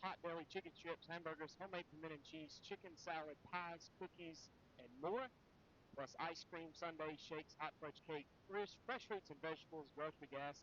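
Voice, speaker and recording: A man hosts a live sports pregame show, chatting away with lots of fillers and restarts between sponsor reads. His voice is a little high and a bit bright, but it sounds muffled and dull, as if heard through a wall, with some hiss or hum.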